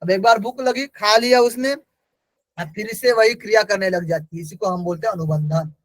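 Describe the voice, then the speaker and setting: A man teaches an exam-prep class in a strikingly high voice. He keeps asking the class questions, answers them himself and repeats each key term. The sound is close and dry, with no room around it. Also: normal speed, dry recording, rough recording. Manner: repeats key terms for emphasis.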